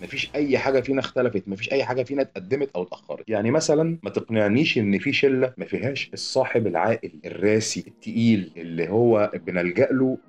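A young Egyptian man with an Egyptian accent hosting a podcast, telling jokes in an animated, storytelling way. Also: fairly low pitch, quick pace, few pauses, muffled recording, soft background music. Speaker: podcast host. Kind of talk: comic podcast monologue.

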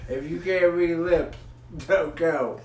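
A man's voice: fairly high pitch, takes it slowly, far from the mic. Laid-back, drawling man co-hosting a podcast. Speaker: podcast co-host. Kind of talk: casual podcast chat. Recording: echoey room, away from the mic.

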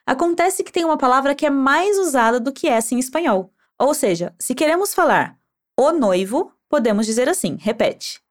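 A woman with a high, very lively voice leads a language lesson. She models each phrase slowly and patiently, then prompts the learner to repeat it. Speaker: Spanish teacher.

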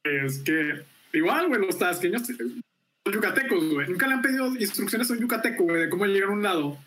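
A man from southern Mexico with a Mexican Spanish accent, chatting casually on a podcast, talking very fast and swearing freely. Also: high voice, expressive, a bit bright, poor audio. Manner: talks very fast, swears a lot. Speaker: podcast co-host. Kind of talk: casual chat.

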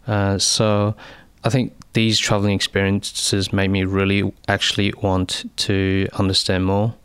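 A man in his thirties or forties who grew up in China, speaking as an interview guest in a measured, reflective way with frequent fillers. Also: low-pitched, monotone, a bit bright, clear, resonant tone, dry recording. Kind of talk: conversational interview.

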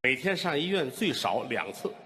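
A man's voice: on the high side, sing-song, moderate pace, a bit bright, a little hiss or hum. A man performing crosstalk comedy as the lead, telling a story and acting out its characters.

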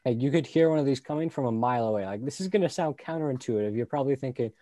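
A man's voice: mid-range voice, animated, rapid-fire, warm tone, no room sound. A young man talking casually in a group discussion, using lots of "like" and fillers. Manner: casual, filler-heavy, says "like" often.

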